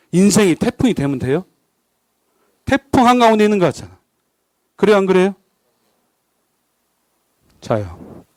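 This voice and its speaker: Preaching as a visiting pastor, this man keeps the congregation engaged with jokes and a steady stream of questions, all in a lively manner. His pitch is fairly high, and the recording has no echo.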